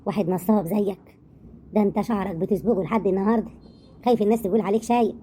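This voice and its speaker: A woman with an Egyptian accent voicing a sharp-tongued older mother-in-law who scolds and mocks. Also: mid-range voice, steady tone, a little hiss or hum, voice pushed down, lightly acted. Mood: accusing. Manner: scolding, mocking, rapid.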